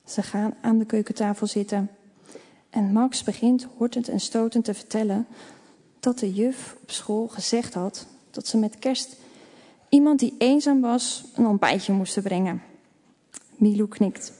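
A woman reading a children's story aloud in a gentle, expressive way. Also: mid-range voice, measured pace. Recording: long reverb.

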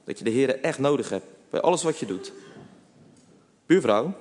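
A man narrating a children's storybook in a calm, gentle way. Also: mid-range voice, fast talker. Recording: long reverb.

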